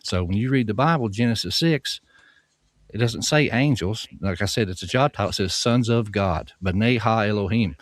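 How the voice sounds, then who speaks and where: On a livestream, a Southern American man who is a guest author gives long, folksy, earnest explanations in a soothing voice. He speaks at a normal pace with a fairly low pitch, and the recording is dry.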